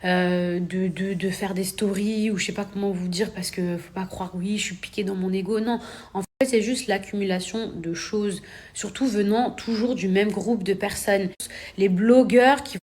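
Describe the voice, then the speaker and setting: A woman's voice: mid-range voice, steady tone, normal speed, darkish tone. An indignant young woman talks straight to her followers in a casual, unscripted monologue. She stresses her points by repeating words, and her voice climbs into heated bursts when she gets worked up. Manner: rising to heated outbursts. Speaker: influencer addressing her followers.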